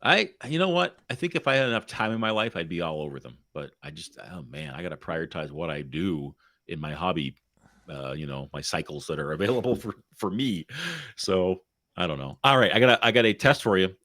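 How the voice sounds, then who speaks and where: A man's voice: low voice, expressive, a little fast, fairly bright tone, no echo, clean studio sound. A man co-hosting a podcast, chatting casually, who teases his co-host and laughs often. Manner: teasing, playful, laughs often. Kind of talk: casual chat.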